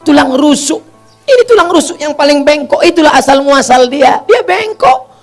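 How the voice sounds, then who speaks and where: A man delivers a humorous sermon in a high, bright voice. He fires off rhetorical questions and repeats phrases in a steady rhythm. Faint music plays behind him. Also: normal speed. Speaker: preacher.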